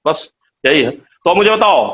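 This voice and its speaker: Male teacher, high voice, live classroom lecture, repeats and quizzes students. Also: lively intonation, normal speed, bright, forceful tone, a little hiss or hum, poor audio. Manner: repetitive, coaxing, quizzes students. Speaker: chemistry teacher.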